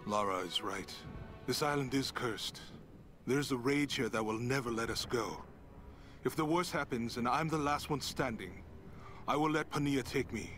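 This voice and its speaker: An actor playing a big, gentle, loyal crewman in an adventure game, speaking in a sincere manner. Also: mid-range voice, moderate pace, faint music behind, natural voice. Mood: brooding, reflective. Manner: sincere, reassuring.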